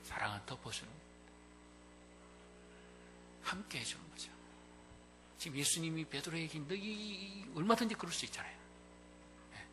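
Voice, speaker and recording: A male pastor preaching a Sunday sermon, swinging from loud, rising peaks to hushed, near-whispered passages. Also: on the high side, noisy background. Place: church sanctuary.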